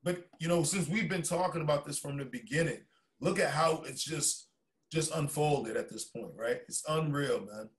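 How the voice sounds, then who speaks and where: A man co-hosting a casual podcast chat over a video call, telling stories in an excitable, slangy way. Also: fairly high pitch, normal speed. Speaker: podcast co-host.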